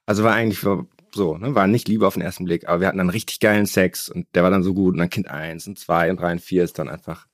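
A man's voice: low-pitched, steady tone, dry recording, studio quality. A man in his thirties, a podcast guest, telling stories eagerly in slangy casual chat. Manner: eager storyteller, slangy, quick to agree.

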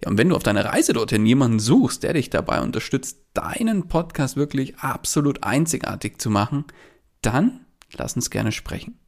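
With a medium-pitched, darkish voice that swings widely in pitch, a man talks at normal speed in a solo podcast. He tells a story about a client and gives listeners straightforward coaching, chatty and full of fillers.

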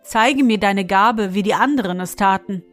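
A woman voicing an earnest, gentle young prince in a fairy tale reading. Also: mid-range voice, moderate pace, faint music behind, close to an everyday voice. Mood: urging. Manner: earnest, pleading.

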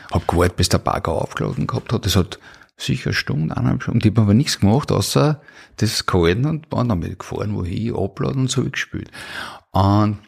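Speaking in a fairly low, creaky voice with a breathy edge, a middle-aged Austrian-accented man shares autobiographical anecdotes. He's an interview guest, and the storytelling is relaxed and casual.

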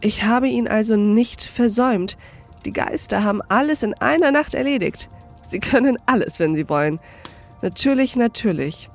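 A woman voicing a gleefully reformed elderly male miser with an excited, chuckling delivery in an audiobook reading. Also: fairly high pitch, normal speed, faint music behind.

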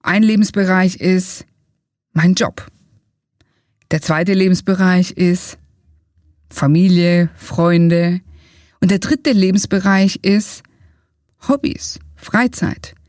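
A woman's voice: lowish voice, takes it slowly, long pauses, a little mellow, no room sound, studio quality. A woman coach explaining to viewers, asking rhetorical questions and laying out her points step by step. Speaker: coach and trainer.

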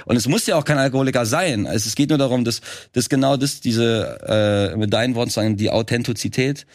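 A man's voice: mid-range voice, fairly quick, no echo, studio quality. A man from Germany, a filmmaker guest, talking in a casual podcast conversation with many restarts and fillers.

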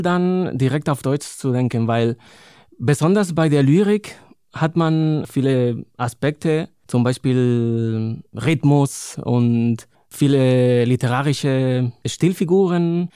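A Spanish poet in his thirties speaks German as a second language with a Spanish accent, reading his own poem and talking thoughtfully as an interview guest. He searches for words and laughs easily, his fairly high voice mellow and clean at a measured pace, in clean studio sound with no echo.

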